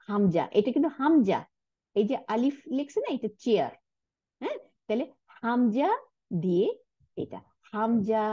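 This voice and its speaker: A woman giving a recorded Arabic lesson, explaining step by step and often checking understanding with a quick "right?". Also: on the high side, a little mellow, slightly rough, dry recording, dull audio. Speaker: Arabic teacher.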